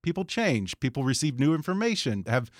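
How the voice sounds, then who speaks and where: A man's voice: mid-range voice, sing-song, fairly quick, dry recording, clean studio sound. A man hosting an interview podcast, casual and agreeable, affirming often and asking follow-up questions. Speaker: podcast host.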